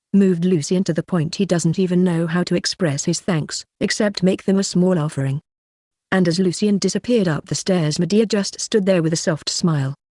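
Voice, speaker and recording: A narrator reading a fantasy story aloud in an even, steady way. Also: medium pitch, no room sound, studio quality. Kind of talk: scripted audiobook narration.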